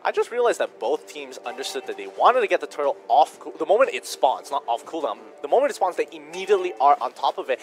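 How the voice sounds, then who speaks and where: Lively bantering esports co-caster. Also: male voice, fairly high pitch, quick pace, few pauses, faint music behind. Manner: bantering, analytical, teasing. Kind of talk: casual esports commentary.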